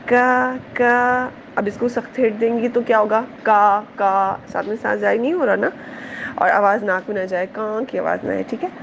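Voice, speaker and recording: A woman teaching Quranic pronunciation in a tajweed lesson. She explains each sound patiently, repeats it slowly and checks her students understand. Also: mid-range voice, steady tone, vocal fry, muffled recording, slight background noise.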